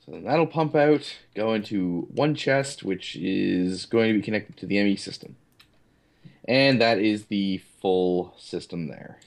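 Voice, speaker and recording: A man's voice: lowish voice, measured pace, gravelly. A man chatting casually while gaming, with a dry, matter-of-fact way of talking. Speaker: co-host of a gaming video series.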